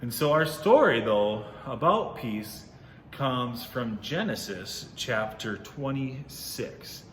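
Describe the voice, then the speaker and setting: A man's voice: medium pitch, expressive, slow, reverberant, big-room sound, a little hiss or hum. A man leading a casual, upbeat Bible lesson for children on video, chatty and often correcting himself. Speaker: youth ministry teacher.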